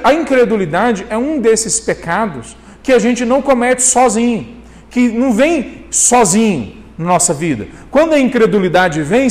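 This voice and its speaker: A man delivers a sermon with a fairly high voice, earnest and gradually rising in intensity as he weaves in personal stories. His voice carries a long reverb, as if spoken in a large church hall. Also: a little mellow. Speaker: preacher.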